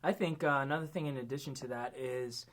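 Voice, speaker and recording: A man's voice: mid-range voice, brisk, a bit bright. An American man joins a casual talk as a guest. His voice sits in the middle range, and he speaks earnestly, laying out his thoughts in full. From United States. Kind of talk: casual group chat.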